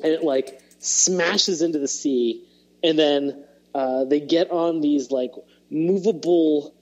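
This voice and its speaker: A man's voice: fairly high pitch, slow, darkish tone, rough recording. A man on a podcast chatting casually, rambling with many fillers and restarts and laughing as he retells scenes. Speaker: podcast co-host. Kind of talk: casual chat.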